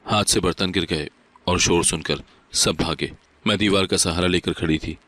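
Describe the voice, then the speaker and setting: A man reading a sad first-person moral story as scripted narration, steady and solemn. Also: low voice, dry recording.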